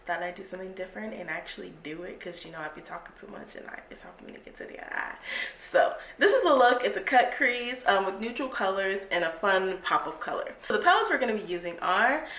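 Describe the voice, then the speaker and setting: A woman's voice: medium pitch, a bit bright. A young woman, chatting casually as a beauty vlogger and giggling easily. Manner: chatty, giggly, drawls slang. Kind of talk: casual chat. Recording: echoey room with faint noise.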